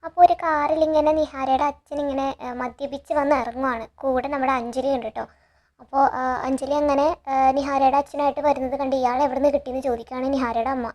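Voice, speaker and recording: A woman's voice: sits high, steady tone, quick pace, a little mellow. A woman casually retelling a TV serial episode, chatty and tagging her sentences with a friendly particle. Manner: chatty, tags lines with 'tto'. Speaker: serial recap narrator.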